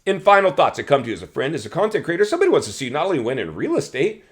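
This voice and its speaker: A man's voice: fairly high pitch, wildly swooping pitch, rapid-fire. A middle-aged American man giving dramatic market commentary as a host, emphatic and fond of repeating phrases for effect, addressing viewers directly. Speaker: real estate YouTuber and host.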